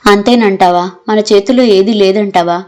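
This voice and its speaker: A woman's voice: mid-range voice, normal speed, a little mellow, natural voice. A woman narrator reading the lines of a grieving elderly father who pleads through tears in a storybook reading. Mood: despairing. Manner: tearful, sobbing pleas.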